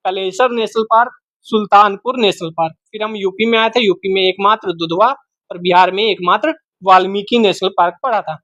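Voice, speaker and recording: A man's voice: high voice, steady tone, brisk, bright, forceful tone, no room sound. Man repeating names in a geography lesson. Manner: repeats each name several times, quizzes the viewer. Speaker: teacher. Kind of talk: exam-prep geography lesson. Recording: dull, dry, lo-fi home recording.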